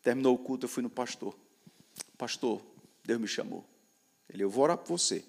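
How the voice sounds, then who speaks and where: A man with a Brazilian Portuguese accent preaching to young people, using repetitive call-and-response and swinging from loud declarations to soft storytelling. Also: medium pitch, expressive, a little fast, creaky. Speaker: preacher at a youth gathering. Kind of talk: sermon.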